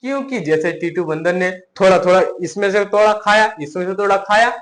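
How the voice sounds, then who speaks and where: A male teacher telling a fable in a math lesson for children, animated, often asking the listeners questions. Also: high voice, moderate pace.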